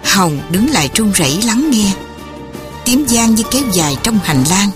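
A woman narrating a story in a soft, measured and dramatic reading. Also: medium pitch, sing-song, over music.

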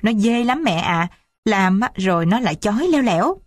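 A woman's voice: mid-range voice, lively intonation, moderate pace, no echo, studio quality, lightly acted. A woman voicing an upset young daughter who insists on leaving home.

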